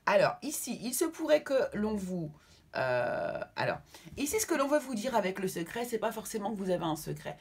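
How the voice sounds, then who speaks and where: A woman's voice: medium pitch, sing-song, fairly quick, husky. A woman giving a tarot card reading to her viewers, talking reassuringly and often checking in with them. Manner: affectionate sign-offs to viewers.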